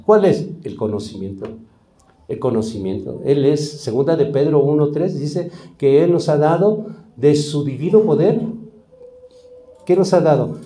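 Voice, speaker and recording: A man's voice: on the high side, warm tone, roomy sound. A man, preaching a conversational sermon as pastor and often asking his congregation questions. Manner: conversational preaching, acts out gossipers, asks the congregation. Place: church.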